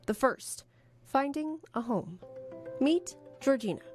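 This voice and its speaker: A woman reporter tells a feature story in polished, scripted news narration. Her pitch moves a lot, rising and falling as she goes. Music plays underneath her voice. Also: slow. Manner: lively, expressive storytelling delivery. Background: background music.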